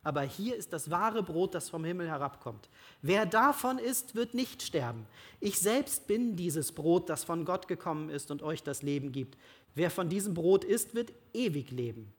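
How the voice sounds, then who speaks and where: A reader voicing a solemn, slow-spoken Jesus. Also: medium pitch, lively intonation, lightly acted. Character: Jesus as a calm, solemn male teacher.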